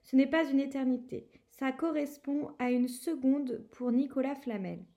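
A woman's voice: high voice, normal speed, warm tone. A woman voicing a bossy, studious schoolgirl witch. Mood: insistent.

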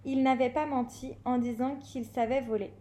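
A woman with a high voice reads a children's novel aloud, lively and expressive. Now and then she trips over a word or a name and goes back to correct herself. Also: moderate pace. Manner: expressive, with occasional slips and self-corrections. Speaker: reader.

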